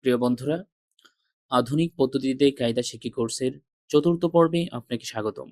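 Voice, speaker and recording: A man teaching Arabic letter pronunciation, repeating each sound slowly and carefully, with patient classroom explanations. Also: medium pitch, a little mellow, dry recording, studio quality. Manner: drills each sound three times with careful articulation. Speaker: Quran reading teacher. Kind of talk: slow, deliberate recitation lesson.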